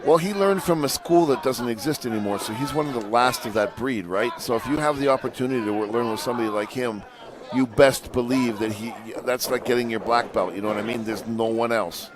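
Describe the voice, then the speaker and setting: Male lucha libre announcer on color analysis: emphatic, conversational, mid-pitched, recorded in noisy surroundings. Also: a little fast. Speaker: wrestling color commentator. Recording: noisy outdoor live event sound.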